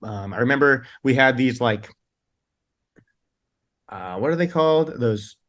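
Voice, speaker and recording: Band singer dude rambling thru old tour stories, laughs a lot, keeps restarting. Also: male voice, medium pitch, animated, unhurried, a bit bright. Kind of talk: casual interview storytelling.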